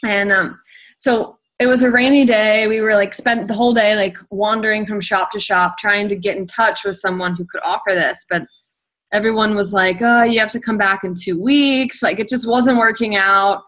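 A young woman recounting a travel tale in a loose, chatty way. Her talk is packed with "like" and "um" as she rambles through the story. Her pitch sits in the middle range. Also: moderate pace. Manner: rambling, full of "like" and "um", lively. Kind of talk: casual storytelling in conversation.

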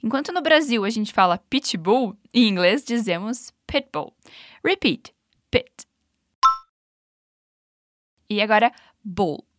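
A woman with a Brazilian Portuguese accent, an upbeat, encouraging English teacher running clear repetition drills. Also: a little high, expressive, unhurried, pauses often, no room sound, clean studio sound. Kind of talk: language lesson with repetition drills.

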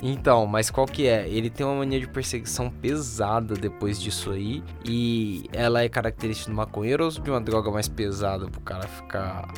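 A man's voice: fairly low pitch, fairly even intonation, a little fast, few pauses. Lisping Brazilian man chatting casually. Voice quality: lisping, tongue-tied s sounds. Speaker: podcast host. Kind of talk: casual slangy chat. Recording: music playing under the voice.

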